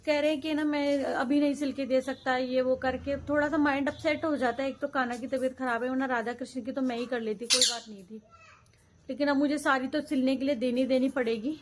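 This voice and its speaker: A woman's voice: sits high, steady tone, a little fast. A woman, a mother, casually narrating a family vlog and talking straight to viewers while she cooks. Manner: chatty, talks straight to viewers while cooking.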